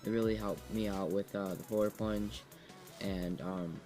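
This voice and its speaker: A man's voice: fairly low pitch, fairly even intonation, dark tone. A young man talking casually and hesitantly to viewers as a vlogger. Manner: halting, hesitant delivery. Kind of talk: casual vlog talk. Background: music.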